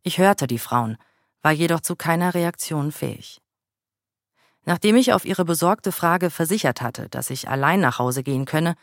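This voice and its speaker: A man reading a first-person memoir aloud in a calm, measured way. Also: a little high, dry recording, clean studio sound.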